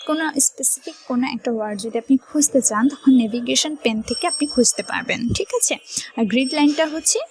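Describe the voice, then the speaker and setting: A woman with a Bangladeshi Bengali accent walks through a software lesson step by step. Her voice is fairly high and a little husky, recorded close and dry. She keeps checking in with the viewer as she explains. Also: no room sound, rough recording. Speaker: computer tutorial teacher. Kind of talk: screen-recorded software tutorial.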